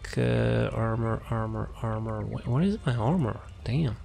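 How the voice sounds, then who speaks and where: This casual, unscripted video game build walkthrough comes from a man with a warm, creaky, mid-range voice at a measured pace. He rambles, repeating words and phrases while he looks for things. Background music plays, along with slight background noise.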